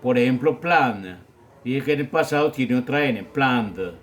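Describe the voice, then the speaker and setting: Slow, patient man teaching grammar. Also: mid-range voice, lively intonation, slight background noise. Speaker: English teacher. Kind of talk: classroom grammar lesson.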